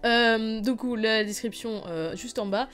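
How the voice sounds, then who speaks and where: A woman's voice: a little high, a little slow, a bit bright, smooth, faint music behind. Chatty rambling young woman vlogger. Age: late teens. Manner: chatty and rambling, many fillers and restarts. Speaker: YouTuber. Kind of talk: casual unboxing vlog.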